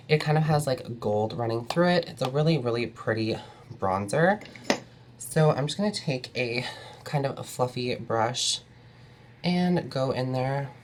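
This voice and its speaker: Woman, nasal from a cold, very low voice, chatty beauty vlogger, fillers, faint hiss. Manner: chatty, many fillers and self-corrections. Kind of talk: casual makeup tutorial talk.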